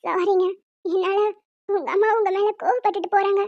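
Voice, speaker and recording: A woman's voice: very high voice, fairly even intonation, brisk, dry recording, lo-fi sound, pitched above the performer's own voice. A woman voicing a tearful, apologetic young bride in a cartoon, with a small pleading voice. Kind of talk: cartoon voice acting.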